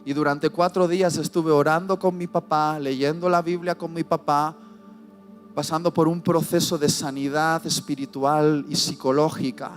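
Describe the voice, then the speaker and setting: A man with a slightly higher voice delivers a heartfelt sermon, pausing and repeating key lines for emphasis. Gentle music plays softly underneath. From Spain. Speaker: preacher. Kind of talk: emotional sermon with personal story.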